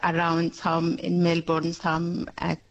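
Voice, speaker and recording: This is a woman with an Egyptian accent giving a radio interview. She talks at an unhurried, deliberate pace in halting English. She breaks into light laughter often. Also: fairly low pitch, completely flat delivery, lo-fi sound. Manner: halting non-native English with frequent laughs. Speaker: interview guest.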